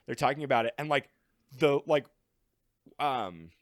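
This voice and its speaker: A man co-hosting a film podcast, talking in a rambling, animated way with lots of fillers and laughs. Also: medium pitch, unhurried, no room sound, studio quality. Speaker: podcast co-host. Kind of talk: casual film discussion.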